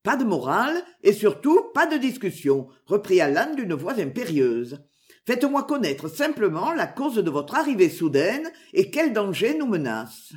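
A woman's voice: medium pitch, big pitch swings, unhurried, a little mellow. A woman reader voicing a young knight who speaks earnestly to his love and sternly to others, in a storybook reading. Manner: earnest, imperious. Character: young knight, ardent and commanding.

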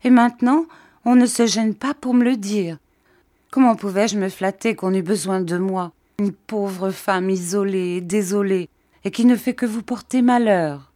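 A woman's voice: medium pitch, steady tone, measured pace, warm tone, voice pushed up, close to an everyday voice. A woman voicing a gloomy, self-pitying old widow who whines about her misfortune. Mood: lamenting. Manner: whining, mournful complaint.

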